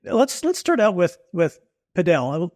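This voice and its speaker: A man's voice: high-pitched, sing-song, measured pace, a little mellow, no room sound, studio quality. A man hosting a podcast, introducing his guest and asking curious, friendly questions. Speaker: podcast host. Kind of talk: podcast interview.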